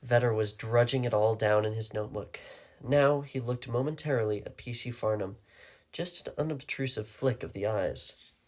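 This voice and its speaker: A man reads a story aloud in a steady, measured way. His voice sits in an ordinary middle pitch, and he keeps the narration plain between the characters. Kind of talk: audiobook reading.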